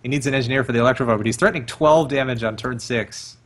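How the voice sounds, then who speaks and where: A man delivering play-by-play commentary on a strategy match, rattling off each build and attack in quick succession. His voice sits at an ordinary middle pitch. He talks with the easy flow of a seasoned caster. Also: a bit bright. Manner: rapid-fire calls of each move. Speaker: esports caster.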